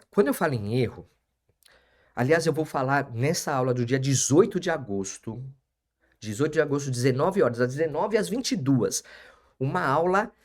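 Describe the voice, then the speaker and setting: A man talks on a live stream with a somewhat high-pitched voice. He speaks emphatically and says key phrases twice. He also turns to viewers in the comments as he goes. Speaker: auctioneer and lawyer hosting a live stream.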